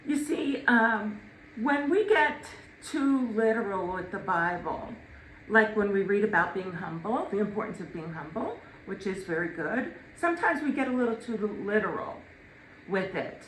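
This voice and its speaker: A woman delivering a eulogy to family, telling stories in a measured way with dramatic pauses and emphasis. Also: medium pitch, animated. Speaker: eulogist, daughter of the deceased. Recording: echoey room with faint noise.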